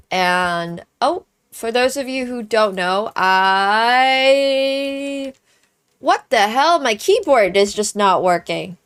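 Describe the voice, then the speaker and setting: Faint music plays as a young woman, Chinese by native language, hosts a livestream, chatting with viewers, thanking them, and testing out greetings in many languages. Her voice is medium in pitch, a bit bright, and smooth.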